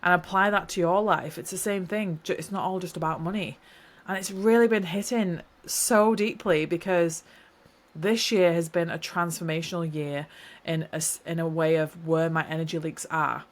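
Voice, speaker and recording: Her voice low-ish and fairly even in intonation at a normal speed, a young New Zealander hosts a casual solo podcast. Slightly nasal and stuffed up from hay fever, she rambles earnestly and from the heart.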